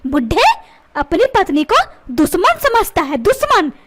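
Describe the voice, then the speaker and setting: A woman voicing a sharp-tongued, feisty mother in a cartoon who bickers with her husband. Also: extremely high pitch, big pitch swings, measured pace, full character voice. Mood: taunting. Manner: bickering, taunting. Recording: loud background music.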